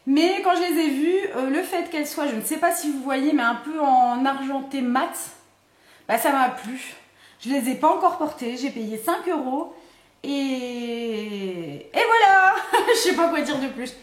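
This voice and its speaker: Chatty high-voiced woman vlogger. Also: moderate pace. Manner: chatty, rambling, self-mocking with frequent fillers. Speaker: beauty vlogger. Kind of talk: casual haul chat to camera. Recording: echoey room.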